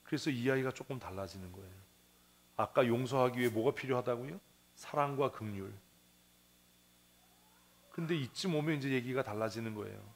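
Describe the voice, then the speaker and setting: Gravelly-voiced man preaching. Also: medium pitch, fairly quick, pauses often. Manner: conversational preaching, acts out the parable's voices, asks the congregation questions. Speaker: pastor. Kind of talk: sermon. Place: church sanctuary.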